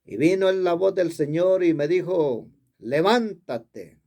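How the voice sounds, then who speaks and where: A man's voice: high voice, fairly even intonation, measured pace, creaky, mellow. A man preaching a sermon, telling a personal story in an earnest way and repeating his phrases. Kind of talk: sermon testimony.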